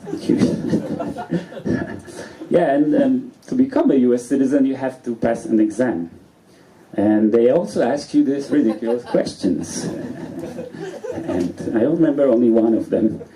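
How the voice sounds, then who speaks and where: A man's voice: medium pitch, measured pace, mellow, slight background noise, poor audio. A man in his thirties from Poland with a Polish accent, doing chatty, self-deprecating open mic stand-up. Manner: chatty, self-deprecating, often laughing mid-sentence. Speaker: stand-up comedian. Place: small club stage in front of an audience.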